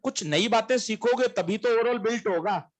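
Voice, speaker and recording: A man teaches a physics lesson in classroom-lecture style, quizzing his students and then answering his own questions in a coaxing, emphatic manner. His voice sits high, and he speaks at a normal speed.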